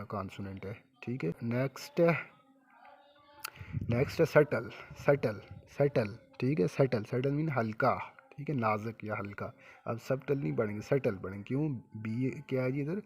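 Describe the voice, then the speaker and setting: A man's voice: medium pitch, creaky, slightly rough. A man giving a classroom-style English lesson, repeating each word and asking questions that he answers himself. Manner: repeats words and asks questions then answers them himself; ends phrases with a checking "okay". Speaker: English teacher.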